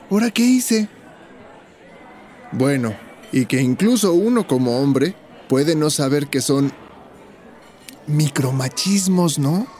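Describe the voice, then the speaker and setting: Playing the character Roberto in a scripted teaching dialogue, a man with a Mexican Spanish accent talks in an easygoing, conversational way. His voice is on the high side and mellow.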